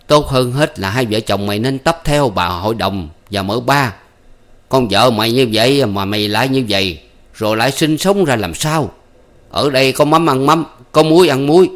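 A man voicing an older village notable who talks in a slow, coaxing, soothing way. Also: medium pitch, animated, fairly bright tone, voice pushed up, lightly acted.

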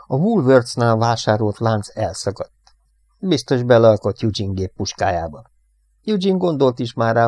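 Male audiobook narrator, measured and dramatic, fairly low voice. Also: mellow, no room sound, studio quality.

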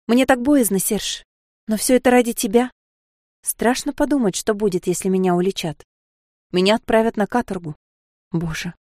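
A woman's voice: fairly high pitch, expressive, moderate pace, warm tone, no echo, clean studio sound, voice pushed up, natural voice. A woman voicing a naive sixteen-year-old maid, dreamy and tearful, who chatters in a breathless, pleading way.

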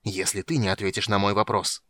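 A man's voice: fairly low pitch, fairly even intonation, a little fast, fairly bright tone, no room sound. A man voicing a sickly, bitter young male mage who hisses and snaps in anger. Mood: furious. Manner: hissing, harsh, coughing.

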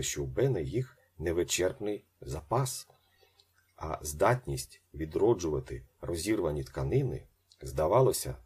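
A man reading a story aloud as an audiobook narrator, acting out the shouted lines and dropping to a slow hush. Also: low-pitched, breathy edge.

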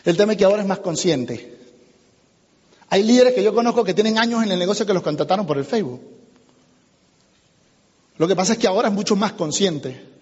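Male business trainer, lively seminar delivery, hoarse edge, reverberant hall recording. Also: high-pitched, brisk, long pauses, highs cut off. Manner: animated, addresses the audience, acts out conversations. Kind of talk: motivational seminar talk.

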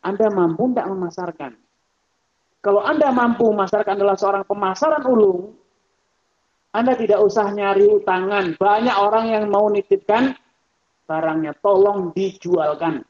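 A man giving a religious study lecture on economics. He talks in a lively, rhetorical way, addresses his listeners directly, and mimics the people he quotes. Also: sits high, moderate pace. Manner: mimics other people's voices when quoting them. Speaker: Islamic scholar and lecturer. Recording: muffled lo-fi lecture recording.

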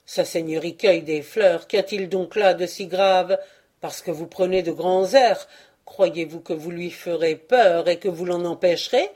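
A woman reading aloud and voicing a drunken band of young men, fawning on their lord and mocking the old man with loud exclamations. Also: lowish voice, measured pace.

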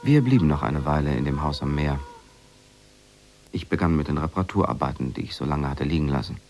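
This male actor, with a gravelly bass voice, narrates a radio drama as a brooding, quietly guilty expatriate husband. Though his telling is measured, reflective, and subdued, the voice itself is expressive and exaggerated.

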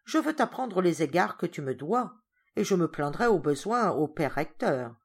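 Woman reading a stern sharp-tongued governess. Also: lowish voice, animated, normal speed. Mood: scolding. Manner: firm, scolding.

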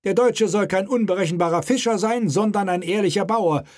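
A male reader voicing an imperious old king who speaks in a sharp, commanding, pompous way. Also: high-pitched, a little fast, voice pushed up, natural voice. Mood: cutting.

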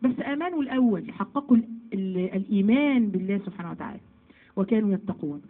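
A woman with an Egyptian Arabic accent gives a religious lesson at a rapid clip, asking her own questions and answering them. Her voice comes through thin and phone-like. She teaches women in a lively, conversational way. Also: mid-range voice. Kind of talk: Quran commentary lesson to women.

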